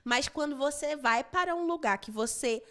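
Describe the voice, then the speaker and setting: A woman's voice: high-pitched, expressive, moderate pace, a bit bright. A woman hosting a church podcast, reflecting at length on what her guest has shared. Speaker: podcast host. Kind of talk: podcast conversation.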